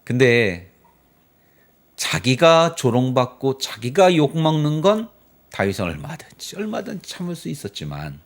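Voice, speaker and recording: A man's voice: mid-range voice, big pitch swings, a little slow. A male pastor delivering a Sunday sermon in church, telling the story dramatically and asking the congregation rhetorical questions. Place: church sanctuary.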